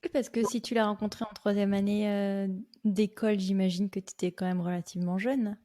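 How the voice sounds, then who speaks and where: A woman's voice: medium pitch, level tone, a little fast, dark tone. A woman hosting a podcast, giving a brief scripted intro and then asking a guest questions with some hesitant fillers. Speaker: podcast host. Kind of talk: interviewing a guest.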